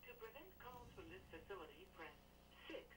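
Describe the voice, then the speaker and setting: A woman's recorded voice giving an automated collect-call message over the phone, reading measured, scripted instructions. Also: lowish voice, animated, a bit bright. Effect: recorded phone-system message played over a call. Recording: distant, noisy phone-line audio.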